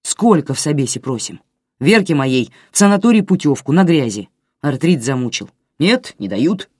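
An audiobook reader voicing a grumpy, bitter elderly stepfather who grumbles gruffly, with lively pitch. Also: normal speed, no room sound, clean studio sound. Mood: grumbling. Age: older.

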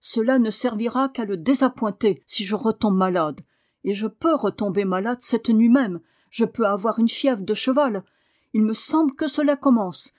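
A woman's voice: medium pitch, expressive, normal speed, a little mellow, natural voice. A woman voicing a sickly, headstrong young boy in an audiobook, petulant and insistent. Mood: angry. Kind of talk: audiobook reading.

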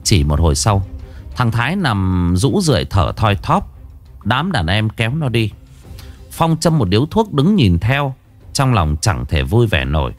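A man narrating a horror story in a dramatic, expressive reading. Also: on the low side, unhurried, faint music behind.

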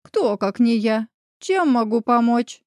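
A woman's voice: a little high, expressive, slow pace, darkish tone, no room sound, studio quality. A woman voicing a scheming middle-aged aunt who talks in a silky, coaxing, sly way, in an audiobook.

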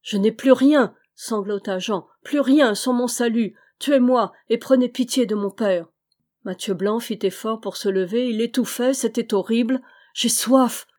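A woman narrating a classic adventure novel in a measured, dramatic reading. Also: medium pitch, dark tone. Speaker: reader.

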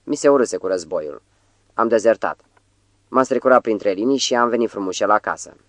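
A cynical soldier, once a barber, shrugs off killing in a calm, offhand tone, read by a man. The voice is low and sits dry and close to the mic. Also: no echo, close to an everyday voice. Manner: calm, offhand, matter-of-fact.

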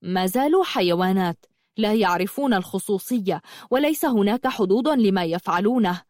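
A brooding, pious young knight, voiced by a woman narrator from a storybook. His lines come flat and monotone in a close, dry recording. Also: mid-range voice, a little fast, no echo, close to an everyday voice. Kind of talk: audiobook character reading.

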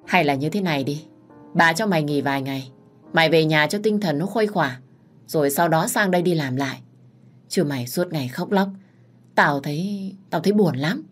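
A woman's voice: low voice, fairly quick, faint music behind. A woman voicing an older mother-in-law, the mistress of the house, speaking firmly and with authority. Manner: commanding, then soothing.

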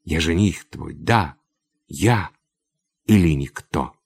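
A man's voice: very deep voice, slow pace, vocal fry, breathy edge, no echo, studio quality, heavily acted. A man reading aloud, playing a domineering general who presses his suit insistently in a storybook tale. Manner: insistent, wheedling then commanding. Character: domineering older general, pushy suitor.

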